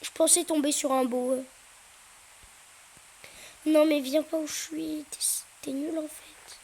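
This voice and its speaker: A high-pitched woman gives casual commentary over her gameplay, slow and unhurried, with a gravelly fry in her voice. She hesitates often and breaks out in sudden excited yelps. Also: poor audio. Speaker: gaming YouTuber.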